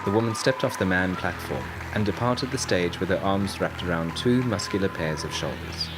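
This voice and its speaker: A man narrating an audiobook story in a steady, measured way. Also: deep voice. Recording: narration over loud music.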